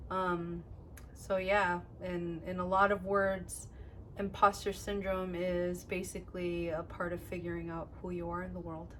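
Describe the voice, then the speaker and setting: Podcast guest, woman from Korea, low-pitched, reflective and hesitant with lots of fillers, a little distant from the mic. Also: little pitch movement, measured pace, a bit bright, slight background noise. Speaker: guest, birth worker. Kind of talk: casual podcast conversation.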